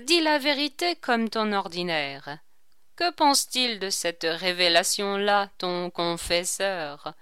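A woman's voice: medium pitch, animated, slow pace, fairly bright tone, clean tone, dry recording, studio quality. A woman reading aloud, voicing a sly, mocking male court jester who teases with ironic questions. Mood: teasing.

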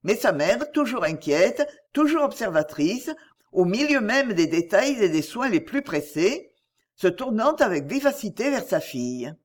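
Expressive woman reading a classic novel. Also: medium pitch, unhurried. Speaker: narrator.

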